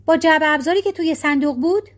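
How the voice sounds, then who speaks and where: A woman's voice: sits high, voice pushed up, lightly acted. A woman reading a storybook voicing an impatient middle-aged husband who keeps asking pointed questions. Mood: exasperated.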